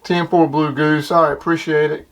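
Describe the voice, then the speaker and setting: A CB radio operator who also hosts videos chats casually in plain radio lingo, like a hobbyist on the air. His voice sits on the high side with little pitch movement, and he keeps a moderate pace. The recording is clearly noisy, full of radio hiss and clicks.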